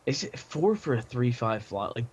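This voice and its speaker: A young man chats through a card review with an easygoing, agreeable manner, often trailing off mid-thought. His voice sits at an ordinary middle pitch. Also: big pitch swings, moderate pace, a little mellow, breathy edge, muffled recording. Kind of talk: casual chat.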